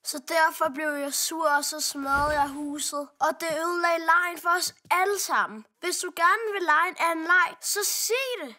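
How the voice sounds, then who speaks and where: A woman's voice: very high voice, few pauses, sharp tone. A woman voicing a small cheerful bunny preschooler boy in a cartoon dub, talking in a childlike, earnest way. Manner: childlike, earnest, sulky when upset. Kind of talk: cartoon dubbing.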